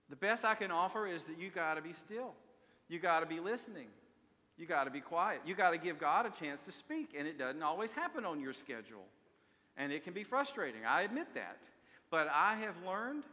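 Standing at the pulpit of a large church sanctuary, an older pastor delivers a sermon, telling stories earnestly and asking rhetorical questions. His high-pitched voice is bright and forceful. The sound comes through a pulpit microphone and a distant camera, with a long church reverb.

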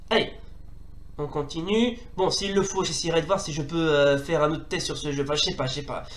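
A man from France giving casual gameplay commentary, switching into excitable mock sports-caster calls and swearing at his goalkeeper. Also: fairly high pitch, moderate pace, pauses often, reverberant. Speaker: retro gaming YouTuber.

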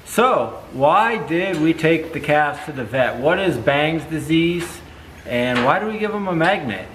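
A man co-hosting a casual farm vlog, explaining in a steady, matter-of-fact way, filmed in an open barn by a nearby camera. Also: on the high side, measured pace, noisy background. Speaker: dairy farmer, co-host. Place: open-sided barn outdoors.

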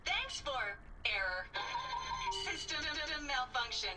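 A woman voicing a cheerful female robot park greeter in a video game, with a metallic robot effect and a slow, sales-pitch delivery. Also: sing-song, full character voice. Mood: chirpy. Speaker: game character. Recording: distant game audio with faint music.

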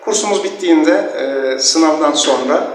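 Male teacher, slightly high pitch, pausing spontaneous explanation, picked up from a distance in a reverberant room. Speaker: language teacher. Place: classroom indoors. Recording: echoey room, distant mic, faint noise.

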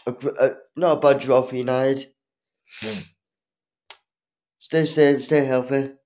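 A young man chatting casually to viewers in a vlog, low-key and halting, under the weather with a cold. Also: fairly even intonation, a little mellow. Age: young adult. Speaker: vlogger. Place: small room at home. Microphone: phone at arm's length. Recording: dull lo-fi phone audio.

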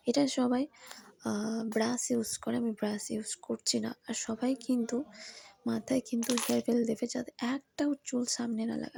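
A woman giving a casual beauty tutorial at home in the early morning, speaking softly and often whispering so as not to wake anyone. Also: on the high side, gravelly, slightly rough. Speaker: beauty vlogger.

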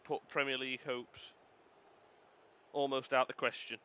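A man's voice: medium pitch, unhurried. A man casually commenting on his own football video game match, calling the play like a commentator and swearing when things go wrong. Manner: calls the play like a commentator, excitable on goals, swears when frustrated. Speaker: gaming video host.

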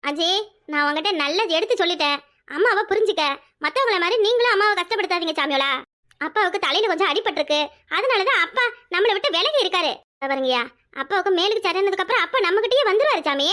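A woman's voice: very high voice, expressive, quick pace, bright, forceful tone, full character voice. A woman voicing a weary, devoted village mother of three in a cartoon, with a southern Tamil accent from Tirunelveli, scolding and coaxing her children. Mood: pleading. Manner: scolding then tenderly coaxing, dialect endearments. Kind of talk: cartoon voice acting.

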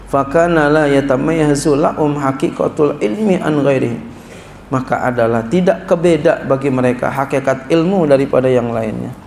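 Gravelly-voiced preacher, echoey room. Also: male voice, medium pitch, slight background noise. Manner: reads Arabic slowly then explains in colloquial speech, rising to animated scolding. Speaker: kyai teaching a classical text. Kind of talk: sermon-style kitab lesson. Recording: echoey room with faint ambience.

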